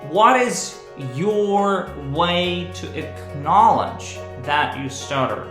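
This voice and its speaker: A high-voiced man, a bit bright, hosts a channel as a speech coach and speaks directly to camera in an echoey room. His delivery is slow, deliberate and earnest with measured pauses, and faint music plays beneath the roomy sound.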